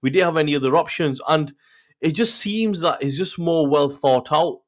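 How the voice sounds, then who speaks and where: A middle-aged podcast host leads a casual football chat over a video call from a room at home, using a podcast mic. His voice is a little high and his speed normal, and he sounds eager, with plenty of fillers and restarts.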